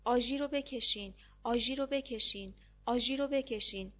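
A woman doing a drunk male officer, shouting orders, raised pitch, dull lo-fi sound. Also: close to an everyday voice. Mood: frantic shouting.

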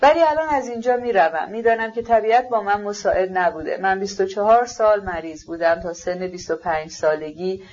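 Earnest young prince, fervent and halting, voiced by a woman reader, lo-fi audiobook sound. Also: medium pitch, a little mellow, natural voice. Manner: fervent, halting, self-reproaching.

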